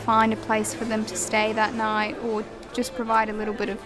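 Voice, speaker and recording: A woman's voice: on the high side, monotone, moderate pace. Reflective woman journalist from Ukraine. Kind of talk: documentary narration. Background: music.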